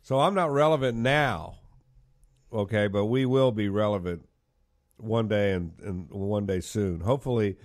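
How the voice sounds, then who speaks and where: A man's voice: fairly low pitch, a little slow. An older man hosting a live-stream talk show, chatting casually in a rambling, wry and sarcastic way with frequent restarts. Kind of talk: casual talk radio chat.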